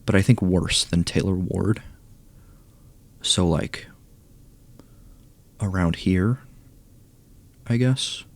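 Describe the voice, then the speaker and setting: A young man commenting casually on a baseball video game, reading stats aloud and thinking out loud, hoarse as he loses his voice. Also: sits low, very slow, long pauses. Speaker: gaming YouTuber ranking cards.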